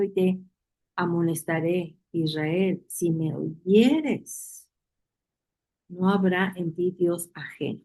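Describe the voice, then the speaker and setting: Woman Bible teacher, mellow warm tone, repeats points, quizzes the class. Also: on the low side, low-quality recording. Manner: reads verses aloud and asks the class questions; repeats key phrases for emphasis.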